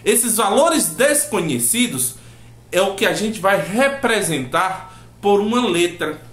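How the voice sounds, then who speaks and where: A man's voice: high voice, expressive, slow, fairly bright tone. A man teaching a math lesson, asking rhetorical questions and acting out his students' replies. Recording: roomy echo.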